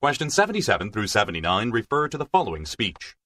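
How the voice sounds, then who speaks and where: Lively-pitched, low-voiced man narrating an exam. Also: no room sound. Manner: formal, measured reading. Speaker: test narrator.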